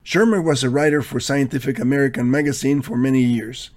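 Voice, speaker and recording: A man's voice: medium pitch, brisk, a little mellow. Man reading skeptical scripted commentary. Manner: dry, questioning, critical.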